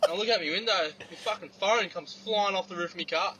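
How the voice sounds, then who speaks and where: High, sharp, boisterous Australian man. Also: fast, slight background noise, poor audio. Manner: boisterous, sweary, blokey. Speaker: listener leaving a voice message. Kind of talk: casual yarn.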